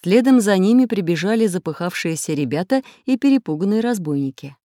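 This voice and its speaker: A narrator reading a children's storybook aloud in a steady, expressive way. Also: mid-range voice, a little fast, dry recording, studio quality. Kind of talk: audiobook narration.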